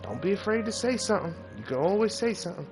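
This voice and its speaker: A man's voice: sits high, lively intonation, quick pace. Laid-back slangy game streamer man. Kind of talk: casual gameplay commentary. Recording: voice over loud game music.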